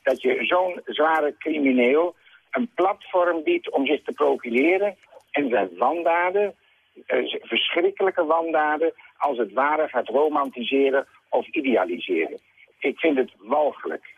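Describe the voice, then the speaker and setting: This is a man calling in to a radio show, heard down a tinny telephone line. His voice is gravelly and husky, and a little higher than most men's. He speaks formally and sounds indignant. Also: lively intonation, unhurried. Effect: phone-in caller on a radio show. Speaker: caller.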